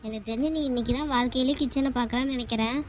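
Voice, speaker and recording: A woman voicing a young man in love in a cartoon, who speaks gently and coaxingly. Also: a little high, fairly even intonation, rapid-fire, slight background noise, lightly acted. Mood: playful. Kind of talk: cartoon voice acting.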